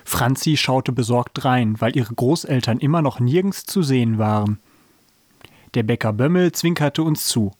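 Expressive male storybook reader, dry sound. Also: medium pitch, moderate pace, no echo. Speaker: podcast host reading a story. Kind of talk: storybook reading aloud, then casual chat.

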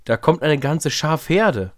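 A man reading a storybook voicing an excited young boy who calls out loudly from a ladder. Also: fairly low pitch, moderate pace, breathy edge, no room sound, studio quality. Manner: loud eager calls.

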